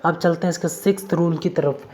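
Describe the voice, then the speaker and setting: In a warm, fairly low voice with fairly even intonation and a fairly quick pace, a woman walks through English spelling rules. She drills each formula step by step in a patient, repetitive lesson, treating her viewers as friends.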